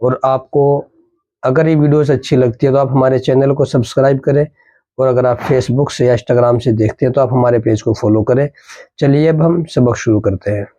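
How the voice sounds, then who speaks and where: A man who teaches Arabic, giving a Quran reading lesson that switches from brisk explaining to slow, drawn-out letter drills. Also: medium pitch, fairly even intonation, dark tone, dry recording, rough recording.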